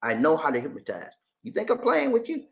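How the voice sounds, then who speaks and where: High-pitched man, Southern Charleston Gullah Geechee accent. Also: huge pitch swings, fairly quick, gravelly, dull audio. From Charleston, South Carolina, USA. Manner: folksy, colloquial, repeats phrases. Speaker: livestream host. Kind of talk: casual livestream chat with viewers.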